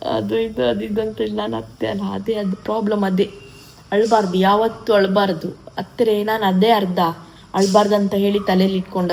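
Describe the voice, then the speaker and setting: A woman's voice: medium pitch, a little mellow, poor audio. A woman, chatting emotionally to camera in a casual vlog, with many restarts. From coastal Karnataka, India. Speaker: vlogger.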